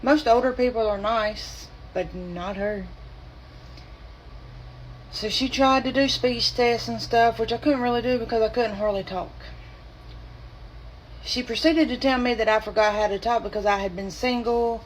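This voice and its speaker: A vlogger with spasmodic dysphonia tells her personal story to camera in a strained, choppy, slightly high voice with fairly even intonation. She is blunt and indignant, speaking in short halting bursts. The low-quality recording carries a little hiss or hum.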